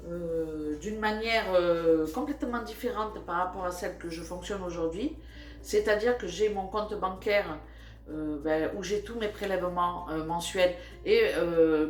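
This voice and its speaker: An older woman, chatting casually about her budget, with many fillers and pauses. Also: medium pitch. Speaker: vlogger. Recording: roomy, from a distance, faint music.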